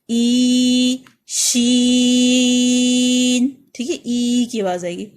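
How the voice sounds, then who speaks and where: A woman with a Pakistani accent, a teacher leading a beginners' reading lesson, who calls out each letter loudly and drawn out, then explains it softly. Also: mid-range voice. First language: Urdu.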